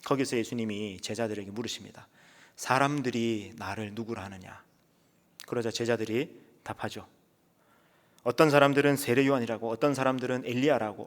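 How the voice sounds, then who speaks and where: A male pastor with a mid-range voice preaches fairly quickly in a church sanctuary, telling the story dramatically and often letting phrases fade to a whisper. The recording carries a long church reverb.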